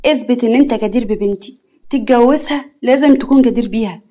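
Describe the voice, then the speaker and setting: A woman storyteller voicing a sharp-tongued but loving older Egyptian mother who talks loudly and scolds. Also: fairly high pitch, fast, lightly acted. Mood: indignant. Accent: Egyptian Arabic. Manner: loud, scolding, exasperated.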